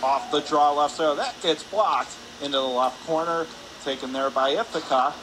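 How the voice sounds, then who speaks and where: Speaking at a moderate pace, a high-pitched male announcer gives live radio play-by-play from an indoor hockey arena. He's excitable, and his voice rises each time there's a shot or a save, while loud rink noise fills the background.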